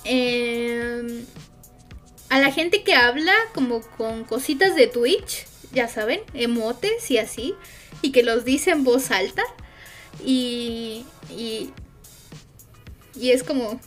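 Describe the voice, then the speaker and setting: Young woman, high voice, streamer, casual chat with chat, lots of fillers, faint background music. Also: slow, a bit bright. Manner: chatty, reads out and answers chat, many fillers.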